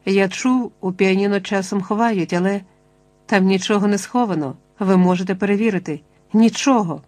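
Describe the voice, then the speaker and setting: A woman's voice: mid-range voice, moderate pace, darkish tone, no echo, close to an everyday voice. A woman voicing a panicked plump middle-aged man who begs in a rush of pleading words. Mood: desperate. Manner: frantic, pleading, tumbling words.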